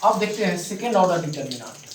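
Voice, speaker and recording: A man's voice: high voice, expressive, recorded from a distance, slight background noise. A male maths teacher explains a lesson step by step, often checking in with his students. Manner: repeats check-ins to students, spells out steps slowly. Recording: echoey room, voice from off the mic.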